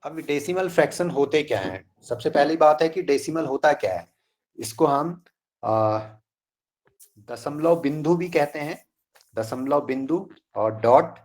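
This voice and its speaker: Slow, deliberate male math teacher. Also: fairly high pitch, expressive, darkish tone. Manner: slow, deliberate, reads digits one by one. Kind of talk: online class lecture.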